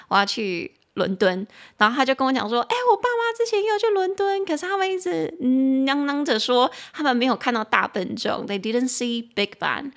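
A young adult woman hosting a podcast, explaining English in Mandarin and reading English sentences slowly and clearly. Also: mid-range voice, a bit bright. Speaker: podcast host and English teacher. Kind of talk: casual teaching podcast.

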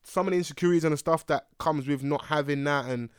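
A man's voice: a little high, fast talker, clean tone, no room sound, studio quality. A young man with a London roadman accent, co-hosting a podcast in casual, playful, slang-heavy comic banter. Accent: London, urban roadman slang style. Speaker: podcast co-host.

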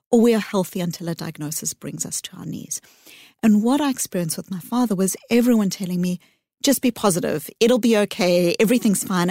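A middle-aged woman speaks in a lowish, earnest voice, answering interview questions with measured phrasing and thoughtful pauses. The sound is dry and close, with no room around it. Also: darkish tone, no echo. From South Africa. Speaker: psychologist guest.

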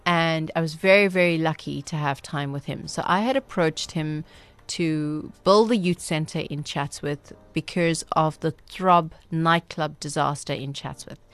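A woman with a Durban Indian South African accent speaking as a radio interview guest, earnest and measured, with formal, emphatic wording. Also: low voice, dry recording. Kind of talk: radio interview, reflective storytelling.

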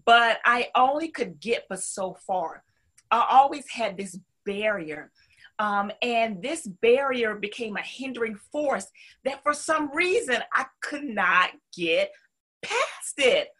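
Bright-voiced Southern American woman. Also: on the high side, lively intonation, takes it slowly. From North Carolina, southern United States. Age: middle-aged. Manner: emphatic, with folksy asides. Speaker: interview guest. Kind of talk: conversational personal storytelling.

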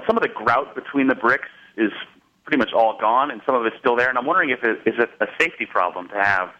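A man calling in to a radio show over a phone line, speaking in a friendly but halting way with many pauses. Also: medium pitch, pushed and bright.

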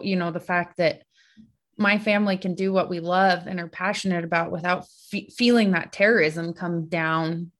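Thoughtful woman podcast host. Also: on the low side. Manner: hesitant, thoughtful, many ums and restarts. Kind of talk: casual podcast conversation.

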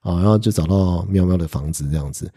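Husky Taiwanese man with a low, dark voice. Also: quick pace, no room sound, clean studio sound. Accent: Taiwanese Mandarin. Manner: chatty, many "ha" tags and fillers. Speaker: law professor podcast host. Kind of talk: casual storytelling.

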